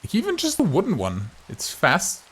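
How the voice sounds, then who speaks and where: A man's voice: on the high side, wildly swooping pitch, moderate pace, slight background noise. A man giving casual, chatty gameplay commentary as host of a gaming video, thinking aloud as he goes.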